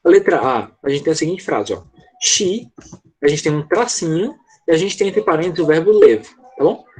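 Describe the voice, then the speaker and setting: A man teaching a grammar lesson in an online class, patiently checking in with his students and slowing down to model words. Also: a little high, lively intonation, darkish tone, husky. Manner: slows down to model English words. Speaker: English teacher.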